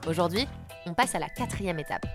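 Lively woman teaching radio intonation. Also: lowish voice, brisk, over music. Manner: lively, addresses the listener directly, models intonation. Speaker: radio journalist teaching a tutorial. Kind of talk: upbeat scripted tutorial narration.

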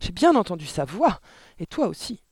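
A man's voice: huge pitch swings, a little fast, mellow, dry recording, studio quality, heavily acted. A man voicing a frightened, shrieking mother in a storybook. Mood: panicked. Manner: shrill, panicked shrieking.

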